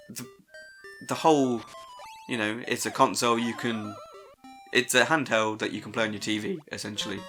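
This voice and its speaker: A man with a lowish voice hosts a casual, unscripted gaming audio log. He rambles, sounding hesitant yet enthusiastic, with an informal and sweary delivery.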